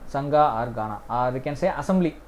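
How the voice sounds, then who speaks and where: A fast-talking history teacher with an Indian accent and lively intonation in a mid-range voice guides students through exam questions one step at a time. He repeats points and keeps dropping in a short "yes."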